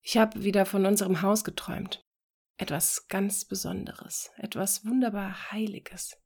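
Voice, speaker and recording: A woman voicing a restless young man talking on the phone, excitable and quick in bursts. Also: medium pitch, breathy edge. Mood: confiding.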